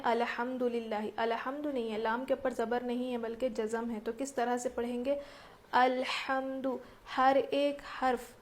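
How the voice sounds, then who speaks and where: A woman's voice: on the high side, a little mellow. A woman teaching Quran recitation rules, explaining each point patiently step by step and asking her listeners rhetorical questions. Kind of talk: tajweed lesson with recited examples.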